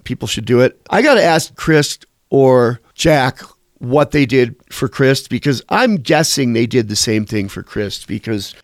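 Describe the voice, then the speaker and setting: A musician being interviewed tells candid, rambling stories, swearing casually as he goes. His voice sits at medium pitch with lively intonation and a slightly slow pace. The studio sound is clean, with no echo.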